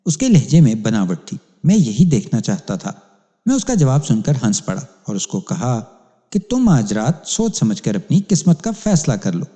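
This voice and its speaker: A man's voice: medium pitch, dark tone. A man narrating a crime story as a police inspector, in an emphatic, dramatic reading. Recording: long hall reverb.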